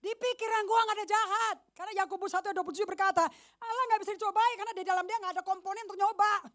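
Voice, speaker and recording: A woman pastor giving a lively, joking sermon at a church service, slipping in English phrases and often asking the congregation questions. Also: very high-pitched, racing. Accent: Indonesian. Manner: animated, mixes English phrases, jokes with the congregation.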